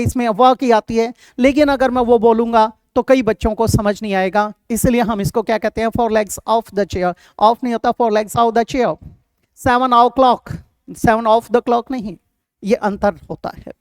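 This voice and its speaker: An Indian man teaching an exam-prep English grammar lesson, reading example sentences slowly word by word, asking questions and answering them himself, and addressing students fondly. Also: extremely high pitch, dry recording, clean studio sound.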